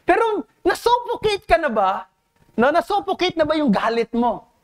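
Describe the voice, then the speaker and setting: A man's voice: very high-pitched, big pitch swings, moderate pace. A man with a Filipino accent preaching a sermon as pastor. He mixes Tagalog and English and keeps asking the congregation rhetorical questions in an earnest, teacherly way. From Philippines.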